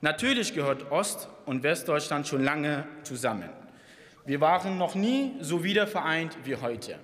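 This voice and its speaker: A young adult member of parliament from Saxony in eastern Germany delivers a combative, impassioned speech at a lectern microphone in a large parliament chamber. His voice sits on the high side, slightly bright, animated yet unhurried, and the reverberant hall carries audience murmur.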